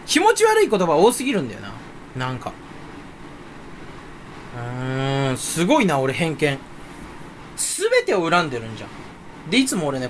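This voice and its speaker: Rambling young man, jumpy and animated. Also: mid-range voice, a little hiss or hum. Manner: scattered, self-mocking, jumps between topics, sudden loud outbursts and mouth noises. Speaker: streamer chatting solo. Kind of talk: rambling casual chat. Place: his own room at home.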